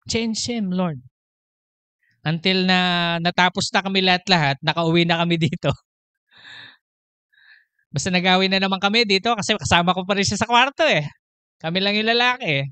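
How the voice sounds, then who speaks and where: A man's voice: sits high, fairly quick, pauses often, pushed and bright, smooth, no echo. A man preaching a sermon as pastor, telling a personal story, moving between Tagalog and English and laughing often. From Philippines.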